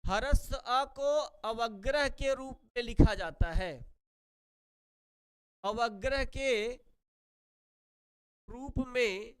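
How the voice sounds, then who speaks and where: A man's voice: extremely high pitch, very slow, long pauses, clean tone. A man teaching Sanskrit grammar in a classroom-style lesson, who asks and answers his own questions and repeats key words. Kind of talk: classroom lesson explaining rules.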